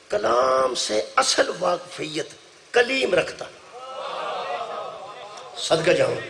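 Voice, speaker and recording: A middle-aged man with a Punjabi accent preaching a sermon at a religious gathering, telling a story that swings between loud declaiming and soft asides, repeating phrases for effect. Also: fairly high pitch, a little hiss or hum. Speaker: Shia cleric preaching at a majlis. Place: religious gathering before an audience.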